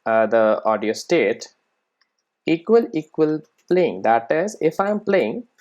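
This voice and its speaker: In a slightly high, animated voice, a man slowly guides the listener through a software task step by step, unscripted, often adding brief tag questions to confirm they're following along as his instructor role requires.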